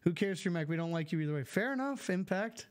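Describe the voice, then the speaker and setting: A man with a fairly high voice is animated and quick-paced as he streams a game live from home, reading chat aloud and replying in a relaxed way. A close studio mic with filters captures him.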